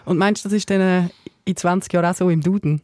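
A woman's voice: lowish voice, fairly even intonation, a little mellow, no echo, studio quality. Playful Swiss woman presenter. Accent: Swiss German. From Switzerland. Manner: playful, quick to laugh at word jokes. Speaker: radio presenter. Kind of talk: relaxed radio conversation.

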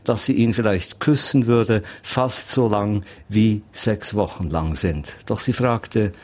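A man reading literary fiction aloud as narrator, with measured, deliberate phrasing. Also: fairly low pitch.

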